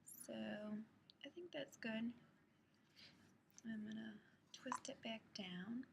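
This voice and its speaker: Young woman whispering a makeup demo late at night, a bit stuffy from a cold; gravelly texture, faint hiss. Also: a little high, slow. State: has a cold, sniffly. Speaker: beauty vlogger. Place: home at night, others asleep.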